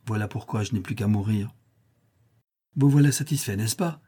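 A despairing young man in his twenties, as a male reader puts him on, bitter and weary. His voice is dark and husky, and his words come heavy with bitterness. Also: lowish voice, normal speed.

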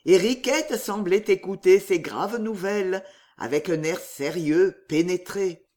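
A woman narrating a literary story, expressive and measured. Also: lowish voice.

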